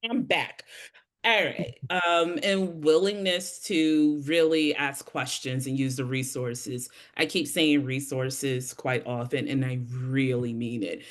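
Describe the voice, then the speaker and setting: A woman sales rep telling stories with lively expression on a webinar panel over a video call. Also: extremely low pitch, slow.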